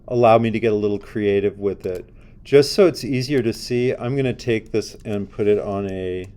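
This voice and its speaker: Mellow-voiced man teaching design class. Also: on the low side, clear, resonant tone. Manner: conversational, asks the class questions. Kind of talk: classroom lecture with screen demo.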